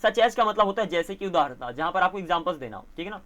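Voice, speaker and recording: A man's voice: sits high, lively intonation, fast talker, fairly bright tone, highs cut off. A man with an Indian accent teaching a spoken English lesson, patiently explaining and mixing Hindi with English. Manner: explains patiently, often asks "theek hai na?".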